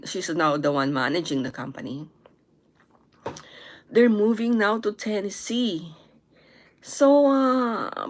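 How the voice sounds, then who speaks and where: Woman, young adult, casual vlog chat, slow and halting, lowish voice. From Philippines. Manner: halting, searching for words, self-correcting.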